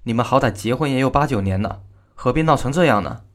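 A proud general's daughter speaks with cold scorn in a told story, voiced by a man. Her lines rise and fall in a lively way at an ordinary pitch. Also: fast, close to an everyday voice. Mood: scornful. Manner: cold, taunting delivery. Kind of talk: storytelling narration.

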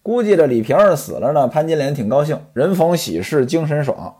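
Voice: medium pitch, sing-song, a little fast, warm tone, husky. A storyteller retelling a classic novel in a chatty, traditional oral style, stepping out of the tale with asides to the listeners.

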